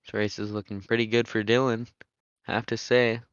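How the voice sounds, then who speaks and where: A young man calls an online motocross race in a relaxed, chatty way, thinking aloud and laughing now and then. His voice sits a little low and sounds smooth and clear. The recording is dry and a bit dull, like a lo-fi close mic. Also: a little fast, dry recording. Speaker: race commentator and server admin. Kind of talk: casual live race commentary.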